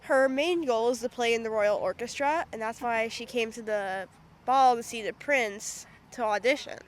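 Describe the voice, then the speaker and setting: A woman's voice: on the high side, normal speed. A woman cast member outdoors, answering in a plain, matter-of-fact way. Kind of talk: casual interview answers. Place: outdoor theatre stage.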